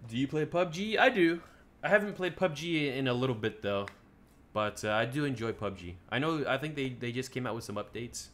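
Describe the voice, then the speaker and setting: A man's voice: mid-range voice, expressive, fairly quick, fairly bright tone. Laid-back, profane male game streamer. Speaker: live streamer. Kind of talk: casual gameplay commentary.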